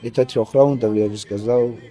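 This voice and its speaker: A man, a fighter, chatting casually after a bout in a husky voice and clipped, slangy, defensive phrases. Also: medium pitch, steady tone, moderate pace, dark tone. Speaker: fighter being interviewed. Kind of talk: casual post-fight chat.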